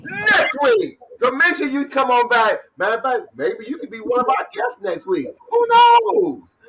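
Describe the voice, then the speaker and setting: A man hosting a lively livestream show, hyping up viewers and calling out their names. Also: extremely high pitch, brisk, distant mic, noisy background. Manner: energetic, hypes up viewers, calls out names. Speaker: talk show host.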